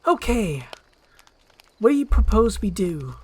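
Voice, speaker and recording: Woman as Princess Fiona, spirited and brisk. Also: mid-range voice, big pitch swings, breathy edge, voice pushed up. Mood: insistent. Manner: brisk, earnest, exclaiming. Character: spirited, proper young princess, female, bold and caring.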